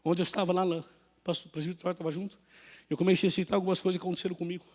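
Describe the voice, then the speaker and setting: A man with a very high-pitched voice preaches a live sermon, telling his own testimony. He moves between shouted praise and hushed, confiding stretches. The church microphone carries a long reverb through the hall. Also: flat delivery, racing. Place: church sanctuary.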